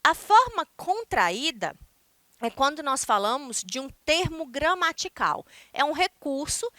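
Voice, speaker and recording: A Brazilian woman teaching an English grammar lesson, explaining step by step and reading English examples slowly and clearly. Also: high-pitched, very animated, bright, forceful tone, no echo. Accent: Brazilian Portuguese. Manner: explains step by step, ending points with "tá?".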